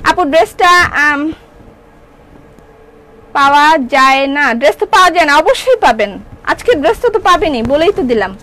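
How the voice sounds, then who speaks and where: A woman's voice: high voice, animated, moderate pace, long pauses, pushed and bright. A woman with a Bangladeshi Bengali accent presenting her clothing line on a live sales stream, chatty, reading out viewer comments and slipping in English words. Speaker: clothing shop owner.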